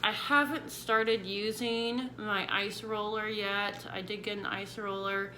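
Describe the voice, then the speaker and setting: Woman, bright voice, recovering from jaw surgery, casual vlog, chatty and explanatory, some background noise. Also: medium pitch, fairly even intonation, slow pace, poor audio. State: recovering one week after double jaw surgery. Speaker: vlogger sharing surgery recovery tips. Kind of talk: casual vlog talk to viewers.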